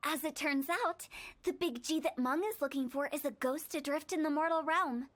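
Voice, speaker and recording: In game audio with background music, a woman with a high voice speaks at normal speed with a fairly bright tone. She voices a playful, teasing young woman who runs a funeral parlor, giggly and breezy in manner.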